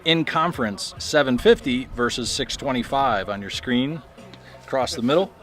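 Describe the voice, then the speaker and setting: A man calling a high school baseball game in a chatty, easygoing way. He is mid-pitched and self-deprecating, trading jokes with his partner between pitches. Faint music sits behind him. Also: expressive, normal speed, fairly bright tone. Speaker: play-by-play announcer.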